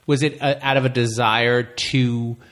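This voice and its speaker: A man hosting a casual podcast interview, feeling his way haltingly through questions and rephrasing them as he goes. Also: medium pitch, fairly even intonation, fairly bright tone.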